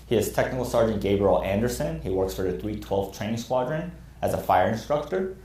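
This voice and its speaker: A man in his thirties teaches a class as a military instructor, candid and earnest about mistakes from his past. His fairly low, slightly mellow voice is expressive and a bit fast, and the room is echoey.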